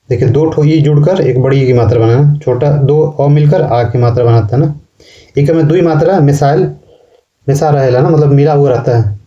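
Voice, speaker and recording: A man teaching a class in slow, repetitive explanations, often ending sentences with a questioning tag. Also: a little high, mellow, lo-fi sound. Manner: explains slowly, repeats words and ends sentences with a questioning "ना". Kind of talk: classroom lecture.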